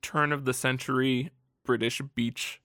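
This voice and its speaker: A man co-hosting a casual comic book discussion, animated and profane, laughing often. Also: mid-range voice, measured pace, clean tone, no echo, clean studio sound. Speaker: podcast co-host.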